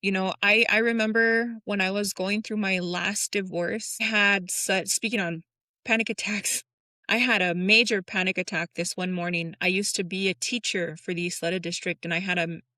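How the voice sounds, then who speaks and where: A woman's voice: mid-range voice, fairly even intonation, normal speed, pushed and bright, dry recording. A woman in her thirties, a tattoo artist guest, speaking openly and personally in a casual interview. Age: 30s. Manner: open, personal, rambling with restarts.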